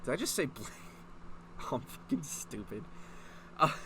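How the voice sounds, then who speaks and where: A man hosts a comedic fan fiction reading, delivering it casually in a profane, mock-exasperated way and often cracking up with laughter as he reacts. His mid-range voice is very animated, pushed and bright, at normal speed. Slight background noise is present.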